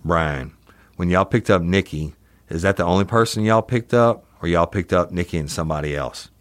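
A man's voice: low-pitched, moderate pace, dry recording. A man hosts in a dry, close recording. He reads an interrogation transcript aloud in procedural police fashion, giving each speaker's name before the words. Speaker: host, former police detective.

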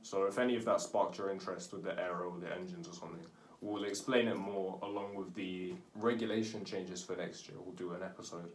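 Young male co-host, slangy and laid-back, low voice, echoey distant recording. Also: fairly even intonation, a little fast. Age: young adult. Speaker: podcast co-host. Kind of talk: casual chat. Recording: roomy echo, far from mic, faint noise.

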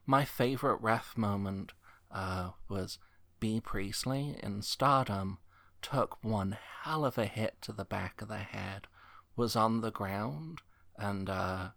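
A man co-hosting a wrestling podcast, telling wry anecdotes and dry asides. He talks slowly and deliberately, and his voice sounds dry and close, with no room echo. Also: on the low side, vocal fry, fairly bright tone. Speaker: podcast co-host. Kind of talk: casual chat over a watch-along.

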